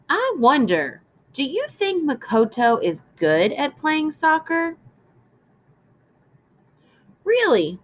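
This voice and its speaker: With a teacher's careful, instructive delivery, a woman reads a story to young kids and stops to explain things and quiz them. Her voice swings animatedly in pitch while she lingers over every phrase.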